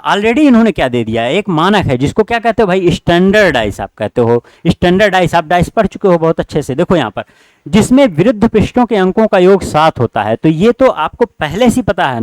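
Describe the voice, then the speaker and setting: A man's voice: sits high, animated, fairly quick, few pauses, no echo. A man teaching an online exam-prep class, working through test questions and urging his students again and again. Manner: repetitive, urging students directly.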